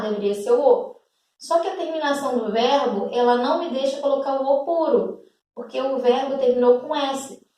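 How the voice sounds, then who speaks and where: A woman teacher explains a grammar rule to schoolchildren one step at a time. She checks in often to make sure they follow. Her fairly high voice sits back from the mic in a strongly echoing room. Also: darkish tone, far from the mic. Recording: echoey room, away from the mic.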